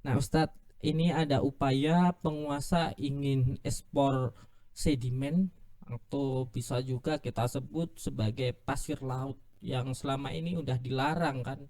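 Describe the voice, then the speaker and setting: A man's voice: mid-range voice, fairly even intonation, a little slow, a little mellow. A man hosting an Islamic talk podcast, greeting and politely questioning his guest in a formal way. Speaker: podcast host.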